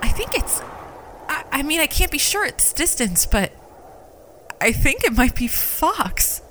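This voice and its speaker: A woman's voice: high voice, very animated, measured pace, a bit bright, slight background noise, full character voice. A woman acting an impulsive, hopeful young woman in an audio drama, urgent, emotional and prone to stammering. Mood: anxious disbelief.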